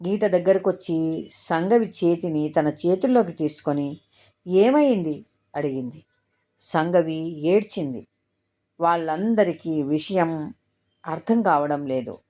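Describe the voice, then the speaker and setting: A woman storyteller narrating a drama in a calm, measured reading. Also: deep voice.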